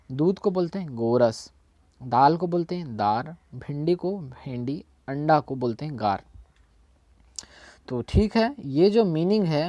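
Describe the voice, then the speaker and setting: A man's voice: fairly high pitch, darkish tone, no echo, dull audio. Man teaching vocabulary in casual Hindi. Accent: Chhattisgarhi Hindi. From India. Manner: repeats and checks with "thik hai", corrects own slips. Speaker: language teacher. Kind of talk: casual spoken lesson.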